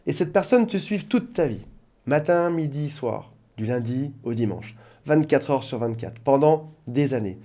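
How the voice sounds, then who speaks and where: A man's voice: on the high side, darkish tone. A man working as a relationship coach, explaining things directly to his viewers in an informal talk, with joking asides. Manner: jokey asides.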